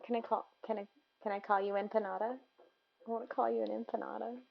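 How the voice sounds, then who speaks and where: A woman's voice: mid-range voice, level tone, quick pace, creaky, highs cut off. A woman hosting a cooking livestream, chatting casually with viewers and answering their messages with giggles.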